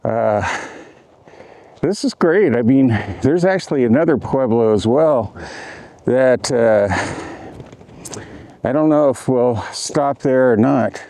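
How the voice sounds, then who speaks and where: A man's voice: mid-range voice, slow pace, warm tone. A man narrating a travel vlog in a laid-back, conversational way. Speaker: travel vlogger. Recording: faint wind and background noise.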